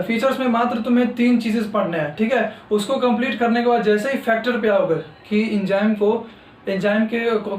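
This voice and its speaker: A man's voice: sits high, roomy sound, distant mic, a little hiss or hum, poor audio. A male teacher giving an exam-prep lecture, talking straight to his students and repeating key terms as he writes on the board. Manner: talks to students directly, repeats key terms while writing.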